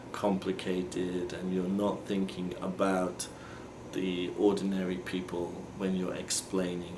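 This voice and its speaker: A man teaching English phrases, explaining slowly and patiently and acting out example questions. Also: low voice, background noise. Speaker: language teacher. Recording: echoey room with faint ambience.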